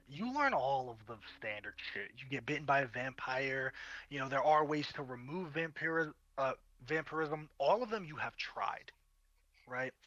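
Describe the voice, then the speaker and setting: A man narrating a tabletop fantasy game as game master, with dramatic pauses and emphasis. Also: mid-range voice, pushed and bright, dry recording, highs cut off.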